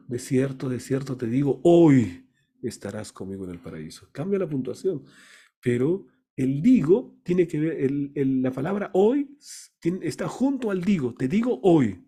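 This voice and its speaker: A male pastor teaching a Bible study lesson. He explains slowly and keeps asking his listeners rhetorical questions. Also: a little high, warm tone, husky.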